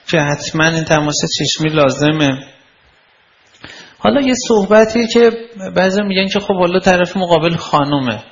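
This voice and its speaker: A man gives a lecture on communication skills, talking in an easy, explanatory way and telling anecdotes. His voice sits a little high and has a gravelly edge. The recording is muffled and lo-fi. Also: fairly bright tone. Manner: conversational, explanatory, tells anecdotes.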